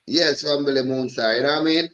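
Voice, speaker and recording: A man's voice: mid-range voice, quick pace, a bit bright, dull audio. A man hosting a live stream, chatting loosely and often repeating "you know what I mean". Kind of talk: casual chat.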